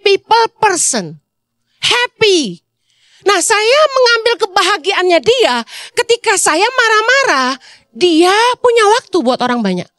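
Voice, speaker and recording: A woman's voice: very high-pitched, fairly bright tone, dry recording, clean studio sound. A middle-aged woman pastor, preaching casually with humor and acting out quoted dialogue. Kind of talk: conversational sermon.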